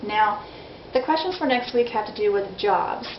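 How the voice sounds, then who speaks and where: A woman in her forties talks candidly in a casual video diary, animated and at a moderate pace, her medium-pitched voice frank and self-deprecating. The audio is dull and lo-fi, captured in an echoey room with faint background noise.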